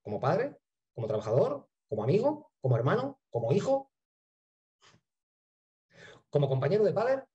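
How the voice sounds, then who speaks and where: Man, middle-aged, parent trainer, mellow and husky, checks in with the audience, muffled lo-fi sound. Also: fairly high pitch, normal speed, pauses often. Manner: lively, asks "¿sí?" and "¿vale?" often, acts out little scenes. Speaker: emotional education trainer.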